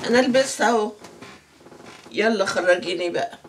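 An actress playing a childlike elderly aunt who whines and pleads, with an Egyptian accent. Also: female voice, medium pitch, normal speed, creaky, distant mic, music in the background, close to an everyday voice. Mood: pleading.

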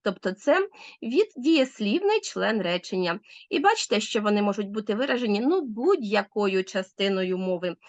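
A woman's voice: mid-range voice, very animated, normal speed, no echo, muffled recording. A woman teacher giving a recorded grammar lesson, asking leading questions and answering them herself.

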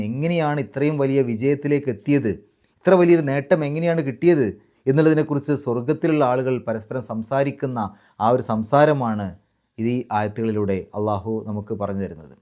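A man teaching Quran recitation rules in a class, patiently repeating each rule step by step and drawing out the Arabic example words slowly. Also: mid-range voice, a little mellow.

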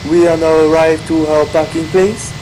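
Airline captain, plane cabin announcement, brisk and formal, mid pitch, clear engine hum behind. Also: little pitch movement. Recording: aircraft engine and air hiss behind.

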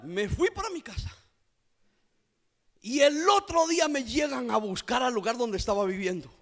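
A male pastor giving a fervent preaching testimony, rising into shouted, half-sung climaxes and acting out the people in his story. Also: very high voice, expressive, moderate pace.

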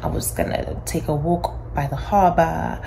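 A young adult woman vlogging casually to camera in her apartment, talking softly and wearily, soothing herself. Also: low voice, expressive, measured pace, vocal fry, slight background noise, poor audio. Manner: soft, tired, self-soothing. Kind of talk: casual vlog talk to camera. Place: small apartment indoors.

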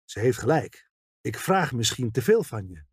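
Narrator as an older detective, measured and polite, husky audiobook voice. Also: male voice, mid-range voice, sing-song, dry recording, clean studio sound. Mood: kindly. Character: grey veteran police detective, patient and courteous.

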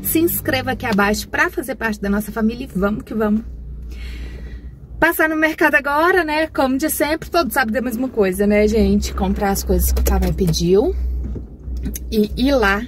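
A woman's voice: moderate pace, slight background noise. A woman vlogging casually, chatting to her viewers and often checking in with them. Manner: slips into high baby talk with her pet birds. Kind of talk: casual vlog chat to viewers.

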